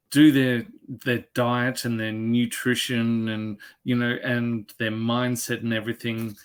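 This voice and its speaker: A man with an Australian accent, hosting an interview on a video call, earnest and repeating words for emphasis. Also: mid-range voice. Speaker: interview host, head chef. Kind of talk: conversational interview.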